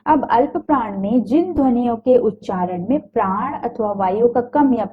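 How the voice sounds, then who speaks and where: A woman's voice: a little high, lively intonation. Woman teacher sounding out letters, tinny. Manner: explains patiently, sounds out letters slowly one by one; small self-corrections and apologies. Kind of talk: recorded Hindi grammar lecture. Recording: tinny phone-like recording.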